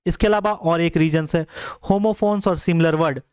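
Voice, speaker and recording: A man's voice: on the high side, fairly even intonation, normal speed, a little mellow, clean tone, no echo, studio quality. A young man teaching spelling for exams, explaining step by step and spelling words out letter by letter. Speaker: exam English teacher. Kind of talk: classroom lecture.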